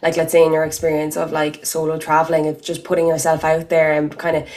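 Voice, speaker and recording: A young Irish woman hosting a podcast, talking very quickly in a low, fairly flat voice. Her style is casual and colloquial, with "like" dropped in constantly. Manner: colloquial, heavy use of "like". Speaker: podcast host. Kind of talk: casual chat.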